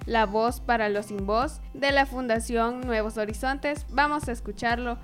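A woman hosting a radio program, asking direct questions briskly. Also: a little high, over music. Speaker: radio host. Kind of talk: interview questions.

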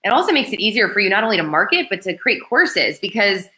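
A woman marketing coach talking as a guest in a casual podcast chat, chatty and animated with lots of "like" fillers. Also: mid-range voice, fast talker.

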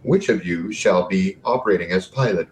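A man's voice: low voice, normal speed, a little hiss or hum, lightly acted, poor audio. A man voicing a polite female ship computer in a formal, mechanical fembot manner for a tabletop game. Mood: formal, procedural. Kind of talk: tabletop game role-play.

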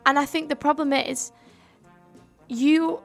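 A woman's voice: high-pitched, fairly even intonation, slow pace, creaky, soft background music. A young woman co-hosting a homemade radio show, speaking earnestly in long run-on sentences. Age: young adult. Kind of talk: casual discussion.

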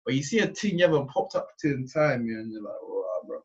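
A man's voice: medium pitch, animated, quick pace, far from the mic, highs cut off. A young man with a London roadman accent telling anecdotes in casual slangy banter.

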